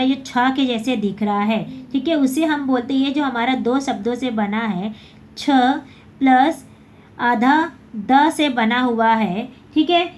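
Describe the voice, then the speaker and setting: A woman's voice: high voice, a little hiss or hum. A woman teaching a basic Hindi lesson, explaining step by step and often correcting herself.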